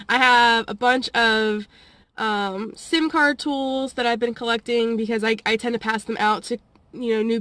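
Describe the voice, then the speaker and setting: A woman's voice: on the high side, sharp tone, no echo. A young woman vlogging, telling a story in a rambling, chatty way and often laughing between phrases. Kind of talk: casual storytelling vlog.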